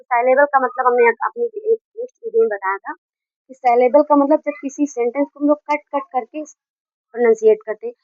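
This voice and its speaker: A woman teaching English grammar in Hindi, explaining step by step and dictating example sentences slowly word by word. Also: high-pitched, no room sound. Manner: explains step by step with many restarts. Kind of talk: Hindi video lesson on grammar. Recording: dull, dry lo-fi recording.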